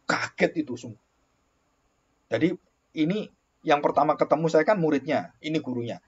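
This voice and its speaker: A man's voice: on the high side, moderate pace, a little hiss or hum. A male pastor telling a story in a sermon, acting out the dialogue with bursts of exclamation. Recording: dull lo-fi recording.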